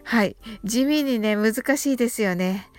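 A woman hosting a podcast English lesson, talking politely and chattily with soft fillers. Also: on the high side, measured pace, soft background music. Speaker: host of an English-learning podcast.

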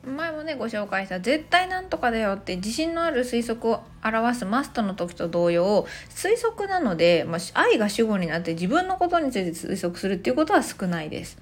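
A woman giving a casual spoken language lesson, chatty and full of soft fillers. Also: a little high, sing-song, fairly quick, hardly any pauses. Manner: chatty, many soft fillers, laughs lightly. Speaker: English teacher and podcaster.

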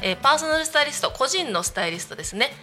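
A woman's voice: sits high, very animated, rapid-fire, sharp tone, soft background music. A woman speaking as a radio guest in polite interview chat, with courteous, hesitant phrasing. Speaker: radio guest, personal stylist.

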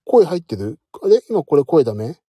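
A man's voice: a little high, very animated, normal speed, breathy edge, dry recording, muffled recording. A man casually chatting and signing off on a late-night live audio stream, joking about himself as he talks to his listeners. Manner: chatty, self-mocking, warm sign-off to listeners.

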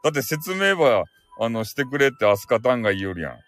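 A man's voice: mid-range voice, very animated, fast, fairly bright tone, soft background music. A man with a Hakata dialect from Fukuoka, hosting a casual live audio stream alone, chatty and self-mocking and laughing often as he reads out listener comments. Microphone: close home microphone.

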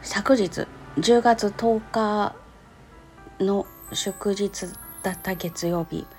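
A woman's voice: mid-range voice, drawn-out words, a little mellow, faint music behind. A woman with a cute, anime-like voice talks casually and politely in short phrases, recounting her experience in a personal audio diary.

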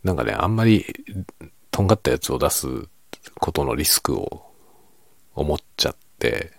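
Guy talking real quiet at night, super low gravelly voice, casual chat, close dry mic. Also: big pitch swings, normal speed, dry recording. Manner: quiet, hushed low-volume talking as if at night, drifting into whisper. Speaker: video creator and host. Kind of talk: late-night casual soft-spoken chat.

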